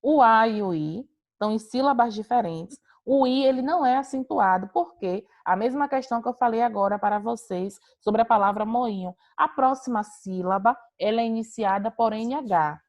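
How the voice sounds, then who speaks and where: A woman's voice: fairly high pitch, moderate pace, hardly any pauses, darkish tone. A woman teacher giving an online class over a video call, explaining patiently, repeating points and calling on students by name.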